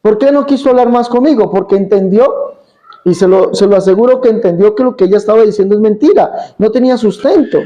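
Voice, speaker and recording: A man preacher with a high, mellow voice. He teaches emphatically, repeats his points and asks rhetorical questions. The recording sounds dull and lo-fi. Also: brisk.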